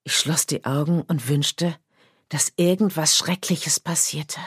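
A woman narrating a first-person literary story in a quiet, measured, intimate reading. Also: low-pitched, breathy edge, no room sound, clean studio sound. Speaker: audiobook narrator.

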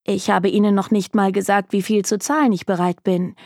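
A woman's voice: medium pitch, flat delivery, fairly quick, a little mellow, no echo, studio quality, lightly acted. A woman voicing a determined, grieving young woman who asks a detective for help, earnest and pleading.

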